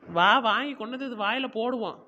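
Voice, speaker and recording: A woman voicing a sharp-tongued, no-nonsense village woman who scolds and mocks, in a cartoon comedy. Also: a little high, fairly quick, lo-fi sound, a little hiss or hum. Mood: mocking. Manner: blunt, scolding, sarcastic.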